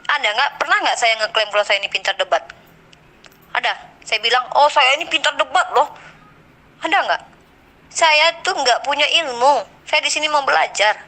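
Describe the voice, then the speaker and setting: A young woman in a heated religious debate, speaking in a high, bright voice. She teases and mocks her opponent and keeps repeating the same words. Her tone stays pointed and combative. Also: rough recording. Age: young adult. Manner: teasing, repeats "Pak" mockingly.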